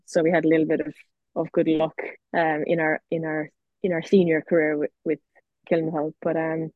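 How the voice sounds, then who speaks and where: West of Ireland woman, evenly pitched and modest. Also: no room sound. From County Clare, west of Ireland. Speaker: guest, Gaelic footballer and athlete. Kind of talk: casual interview chat. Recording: dull lo-fi audio with little room.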